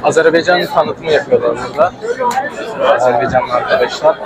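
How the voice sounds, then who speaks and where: A man who is not a native Turkish speaker, vlogging and interviewing casually, halting as he searches for his sentences. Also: mid-range voice. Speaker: vlogger interviewing student clubs. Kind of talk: casual vlog narration and on-the-spot interviewing. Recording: outdoor crowd chatter. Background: crowd at a student club fair.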